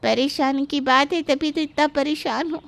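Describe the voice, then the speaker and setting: A fretful middle-aged mother, quick to scold and complain, voiced by a woman. Her voice sits high and clear above the others in this cartoon story. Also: fairly bright tone. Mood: worried. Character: worried, sharp-tongued middle-aged mother.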